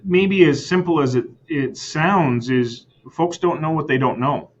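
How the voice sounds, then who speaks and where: A man's voice: fairly high pitch, measured pace, lo-fi sound. An American man, a school district superintendent, answering interview questions earnestly, often repeating words and asking "right?".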